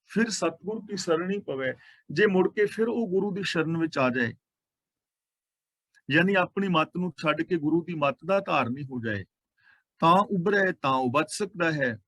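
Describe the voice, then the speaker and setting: A man's voice: fairly high pitch, lively intonation, normal speed, fairly bright tone, no echo. A man expounding Sikh scripture, explaining verses word by word and correcting their pronunciation. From Punjab. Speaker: Sikh preacher. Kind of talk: scripture exposition.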